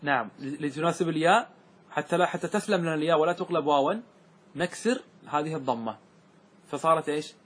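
A man teaching Arabic grammar as a sheikh, walking his class through word forms step by step and asking often whether it is clear. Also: on the high side, a bit bright. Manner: keeps checking that students follow, asking if it is clear; slows and repeats words to stress their forms.

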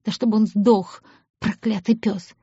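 A woman voicing a defiant, sharp-tongued young captive woman in an audiobook. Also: mid-range voice, fairly even intonation, a little slow, breathy edge, no room sound, lo-fi sound. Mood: furious. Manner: blunt, scornful.

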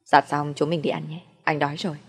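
A woman voicing a young man, a gentle boyfriend who teases and comforts in a soft, reassuring way. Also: low voice, flat delivery, quick pace, slightly rough, in a large hall. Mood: teasing.

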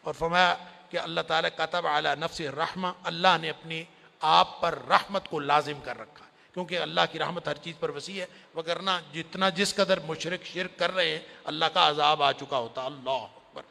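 A man giving a sermon-style summary of the Quran, impassioned, swinging from loud emphasis to near-whisper. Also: on the high side, steady tone, vocal fry. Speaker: Quran scholar and preacher. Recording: long hall reverb.

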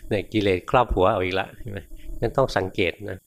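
Low-voiced monk giving a relaxed sermon. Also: male voice, fast talker, vocal fry. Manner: casual and explanatory, often tags phrases with a soft particle; briefly acts out inner thoughts in quoted asides. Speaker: Buddhist monk teacher. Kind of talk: conversational Dhamma sermon.

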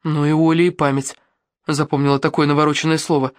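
A woman reading a first-person youth novel aloud as an audiobook, in a lively, expressive way. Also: low voice, fast, no room sound, studio quality. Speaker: audiobook narrator.

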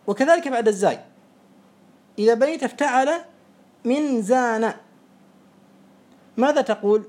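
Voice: mid-range voice, moderate pace, a little mellow. A teacher giving a classroom lesson, explaining step by step, repeating each example and putting questions to a student.

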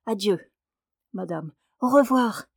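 A woman's voice: medium pitch, lively intonation, slow pace, gravelly, dry recording, heavily acted. A woman reading aloud, voicing a weary, mildly sarcastic husband who grumbles under his breath. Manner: dry, grumbling. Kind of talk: audiobook character reading.

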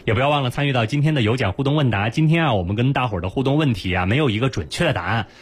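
A man hosting a radio health call-in show, with a quick, announcer-like delivery into a studio microphone. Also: mid-range voice, over music. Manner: fast, lively announcer delivery.

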